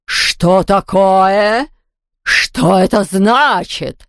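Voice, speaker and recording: A woman's voice: medium pitch, no room sound, clean studio sound. Woman voicing a hissing ghost baroness. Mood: outraged. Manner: hissing, slow and drawn out. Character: huge menacing female ghost baroness, cruel.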